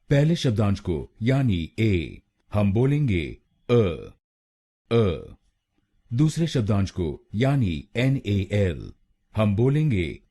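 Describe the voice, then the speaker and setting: A man giving a slow, scripted pronunciation lesson, breaking words into syllables and repeating them carefully. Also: on the low side, mellow, husky. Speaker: pronunciation teacher.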